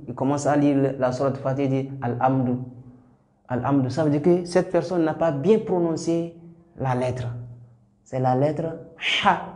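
A man teaching Arabic letters step by step, slowly repeating each sound for learners to copy. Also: a little high, dark tone, reverberant. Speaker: Quran teacher.

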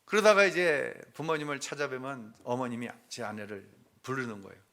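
During a sermon, a middle-aged pastor recounts a story from his own family, alternating between quiet confessional moments and loudly dramatized quotes. He has a medium-pitched voice and talks a little fast.

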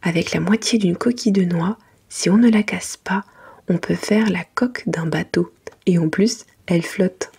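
A woman reading a children's picture book in a soft, gentle whisper, as ASMR for bedtime. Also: fairly low pitch, moderate pace. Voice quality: breathy, mostly whispered soft voice.

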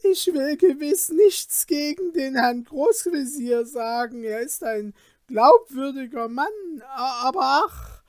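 A man voicing a frightened, lying male merchant in a read-aloud fairy tale, with a high, pleading, shaken voice. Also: a little mellow, no room sound, studio quality, heavily acted.

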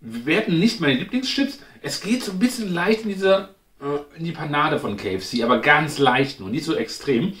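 Hosting a snack taste-test from his home, with a glass cabinet behind him, this man chats informally and thinks out loud. He talks at normal speed in a slightly high, expressive, somewhat bright voice. Roomy echo and noticeable background noise come through.

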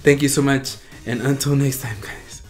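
A man hosting a reaction video, talking casually and excitedly, gushing, laughing and trailing off mid-sentence. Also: mid-range voice, moderate pace, over loud music. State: out of breath.

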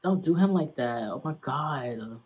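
A man's voice: mid-range voice, expressive, a little slow, a little mellow, faint music behind. A young man giving casual, slangy and sassy commentary as he reacts to an old TV episode.

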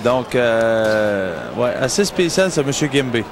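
A man's voice: mid-range voice, lively intonation, slow pace. Hesitant Quebec man co-commentating, noisy background. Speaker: boxing co-commentator. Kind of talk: casual sports commentary. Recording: noisy live arena broadcast.

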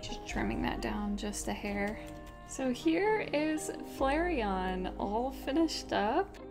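Her voice a little high with big pitch swings, a young woman takes it slowly while hosting a casual crochet tutorial indoors at home in her craft room. She's chatty and upbeat, laughing often, and explains each step over music.

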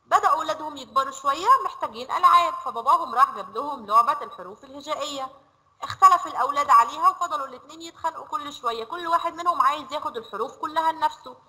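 A woman with an Egyptian Arabic accent teaching a children's lesson, stretching words out slowly as she drills them. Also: sits high, bright, forceful tone, rough recording. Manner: slow, drawn-out word drills.

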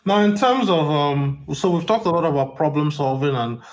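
A man's voice: a little high, animated, normal speed. A man hosting a business podcast, asking questions in a conversational way with fillers like um and you know. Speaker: podcast host.

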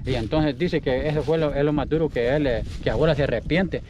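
A man's voice: a little high, fairly quick, a little mellow, a little hiss or hum, rough recording. A Salvadoran man telling a story in casual, rambling speech, often repeating himself. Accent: Salvadoran Spanish. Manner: chatty, rambling, repeats his words. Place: outdoors in the countryside.

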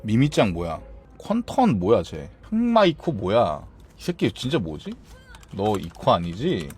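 A man's voice: on the low side, huge pitch swings, measured pace, a little mellow, husky. A man streaming a game and chatting casually, playful and theatrical, swinging between squeals and mock-stern grumbling.

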